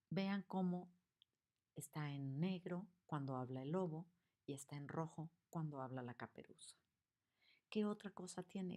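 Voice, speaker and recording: A woman teaching a lesson on picture books, expressive and asking her listeners questions. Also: low-pitched. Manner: expressive, acts out the examples, asks the audience questions.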